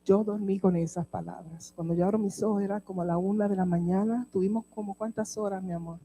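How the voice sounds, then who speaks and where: A woman's voice: mid-range voice, steady tone, fast, warm tone, slight background noise, poor audio. Woman preaching a heartfelt testimony. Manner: emotional storytelling, addresses congregation as beloved. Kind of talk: sermon testimony.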